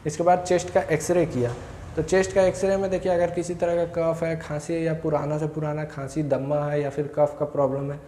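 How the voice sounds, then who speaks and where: A man's voice: fairly high pitch, level tone, a little fast, mellow, a little hiss or hum. Young guy w a jharkhand-bihar rambling thru his story, fixing his own words, roomy echo. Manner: rambling, self-correcting, quotes others in short bursts. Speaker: vlogger. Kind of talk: casual first-person recounting. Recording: echoey room.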